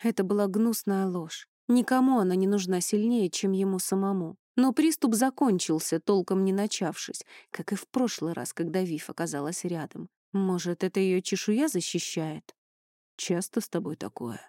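A woman narrating a fantasy novel in a measured, even reading, recorded dry and close. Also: medium pitch, dry recording. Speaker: audiobook narrator. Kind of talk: scripted narration.

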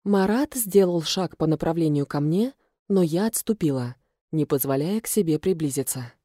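Mellow-voiced woman narrating an audiobook. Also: low voice, animated, normal speed, no echo, clean studio sound. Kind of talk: first-person fantasy audiobook narration.

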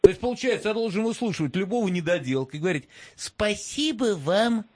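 A man's voice: sits high, animated, racing, mellow, no room sound. A man on a confrontational phone call, speaking in a stern, accusatory, interrogating manner.

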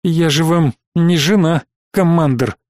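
A man's voice: a little high, normal speed, dry recording, clean studio sound, lightly acted. A man voicing an indignant, worried woman starship captain who grumbles and reproaches, for an audiobook.

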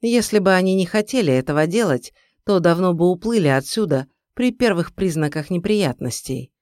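A woman voicing a calm, grim young male king in an audiobook, speaking in a measured, reassuring way. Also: lowish voice, dry recording, clean studio sound, close to an everyday voice. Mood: calm, grave. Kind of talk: audiobook character reading.

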